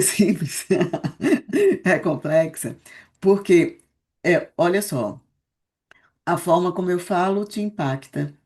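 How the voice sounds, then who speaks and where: A woman who works as a speech therapist, a podcast guest explaining ideas in a measured, conversational way. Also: fairly low pitch, mellow. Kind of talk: casual explanatory chat.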